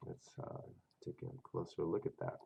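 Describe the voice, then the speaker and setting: A man hosting a trading channel, talking casually over charts in a rough, stuffy voice from a cold, chatty and thinking aloud. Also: normal speed, warm tone. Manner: chatty and self-interrupting, talks to himself over charts. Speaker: forex trading channel host. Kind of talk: casual screen-share chart commentary.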